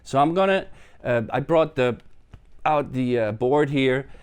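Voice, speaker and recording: A Danish man, a musician who hosts live streams, chats casually with viewers from his apartment, rambling and joking at his own expense. His voice is medium-pitched and clean, and he speaks unhurriedly.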